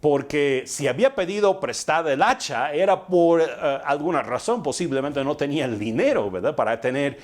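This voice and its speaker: A man's voice: fairly high pitch, expressive, normal speed, few pauses. A man giving a sermon, telling stories conversationally with rhetorical questions and fillers. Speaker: preacher.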